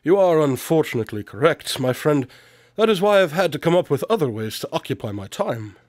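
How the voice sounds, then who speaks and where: A slightly high male voice, a little fast, voices the eccentric detective-inventor of a radio drama with condescending, formal, precise and calmly pompous speech. The mood is dry and breezy, and the studio-quality recording has no echo.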